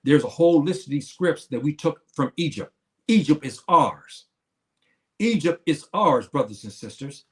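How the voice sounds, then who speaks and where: Halting seventy-year-old man talking to viewers. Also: fairly high pitch, animated, a bit bright. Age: 70s. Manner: halting, with many fillers and repeated words; repeats key phrases to his listeners. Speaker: livestream speaker. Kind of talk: casual livestream talk to viewers.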